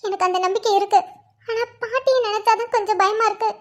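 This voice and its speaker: A woman's voice: very high voice, fairly even intonation, quick pace. A woman voicing a worried young college girl in a cartoon, thinking aloud in an anxious inner monologue. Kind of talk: cartoon voice acting.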